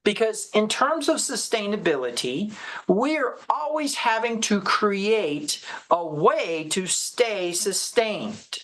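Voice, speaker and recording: A woman teaching a sermon at a ministry service, deliberate, repeating key phrases and checking in with her listeners. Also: medium pitch, big pitch swings, a bit bright, low-quality recording. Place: church service.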